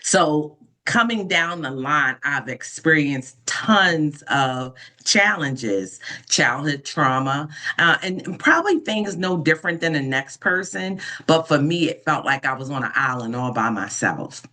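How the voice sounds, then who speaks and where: A woman in her fifties from Baltimore, an ordained minister, telling her life story in an interview in an earnest, unhurried way with frequent pauses and soft fillers. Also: deep voice, lively intonation. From Baltimore, United States. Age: 50s. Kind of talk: reflective personal storytelling in an interview.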